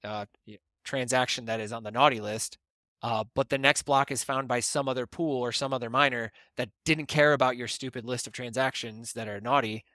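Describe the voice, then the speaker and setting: A man's voice: mid-range voice, steady tone, brisk, bright, forceful tone, no echo, clean studio sound. A man co-hosting a casual podcast, explaining at length and often checking in with "right?". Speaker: podcast co-host explaining bitcoin mining.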